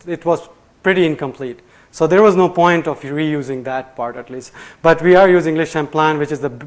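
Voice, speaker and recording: Before an audience in a lecture room, a conference presenter with a fairly high voice gives a live technical talk. He keeps it loose and chatty, with many fillers and restarts, and laughs at his own slips.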